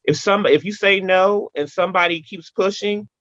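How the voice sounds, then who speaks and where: A woman guest in a casual interview, telling animated stories with emphatic repetition and playful sound effects. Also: mid-range voice, moderate pace, dry recording, highs cut off.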